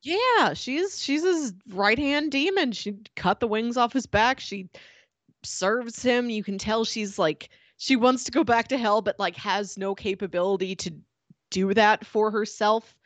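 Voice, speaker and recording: A woman co-hosting a podcast chats casually about a TV show in a slightly high voice, speaking a little slowly. She's informal and giggly, sprinkling "like" throughout, and the recording is dry.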